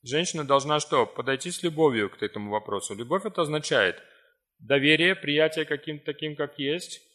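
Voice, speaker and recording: A man's voice: on the high side, brisk, fairly bright tone. A man in his forties giving a live seminar talk, answering notes from the audience in a teasing, ironic, conversational way. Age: 40s.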